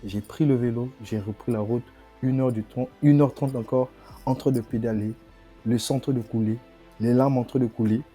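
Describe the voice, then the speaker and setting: Dark-voiced young Congolese student. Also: male voice, medium pitch, fairly even intonation, soft background music. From Republic of the Congo. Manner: halting, repeats words and restarts often. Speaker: student guest. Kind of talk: podcast interview, personal story.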